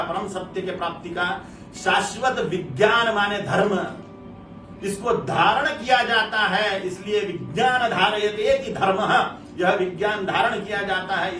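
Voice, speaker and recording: High-voiced man preaching with fervor. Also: bright, forceful tone, reverberant, distant mic. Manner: emphatic, declaiming in long repeated lists. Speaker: religious preacher. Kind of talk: impassioned religious discourse.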